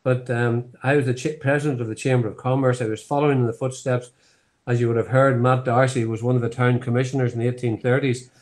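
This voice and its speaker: He talks fast, at a medium pitch, with a level and darkish tone: a distillery founder in his 70s with a Northern Irish accent, originally from Northern Ireland. In an online tasting conversation on a video call from his home office, picked up by his laptop webcam, he tells his story in a meandering way full of fillers.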